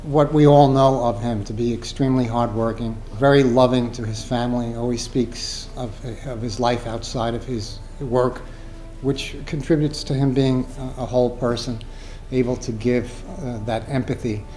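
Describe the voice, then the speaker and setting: Thoughtful man, mellow tone. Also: medium pitch, fairly even intonation. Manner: thoughtful, with pauses. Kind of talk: tribute interview. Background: soft background music.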